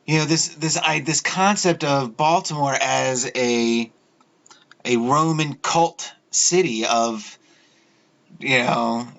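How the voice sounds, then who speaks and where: A man hosting his own video, talking in a halting, rambling way with many fillers and restarts as he goes through pictures. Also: medium pitch, fairly bright tone. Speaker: video host. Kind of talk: rambling solo video talk over images. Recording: dull lo-fi audio.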